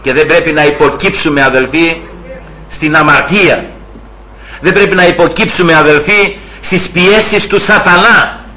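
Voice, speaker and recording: Bright-voiced man preaching a sermon. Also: fairly high pitch, poor audio. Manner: keeps addressing the listeners as brothers; emphatic, repeats phrases and acts out quoted speech.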